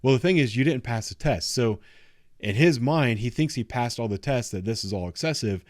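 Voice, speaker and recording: A man reviews police footage, offering unscripted, instructive, matter-of-fact commentary. His medium-pitched voice is expressive and a little fast, recorded at studio quality with no echo.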